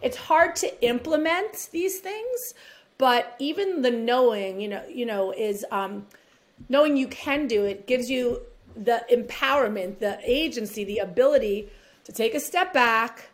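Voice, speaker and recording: A woman's voice: fairly high pitch, lively intonation, unhurried. A woman with a New York accent, a divorce mediator talking in a rambling, chatty way on a podcast interview. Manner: chatty, rambling, self-deprecating laughs.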